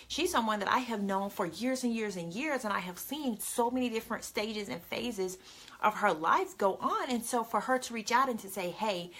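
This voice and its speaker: A woman's voice: a little high, expressive, normal speed, fairly bright tone. Earnest chatty woman giving a motivational talk. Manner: earnest, chatty, addresses listeners as "y'all". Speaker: motivational speaker. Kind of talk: direct-to-camera motivational talk.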